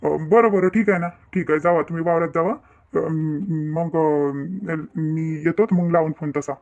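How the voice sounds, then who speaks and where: A man's voice: a little high, fairly even intonation, a little slow, darkish tone, lo-fi sound. A man voicing an older male farmer and father-in-law, folksy and rambling in a cartoon family drama. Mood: reassuring.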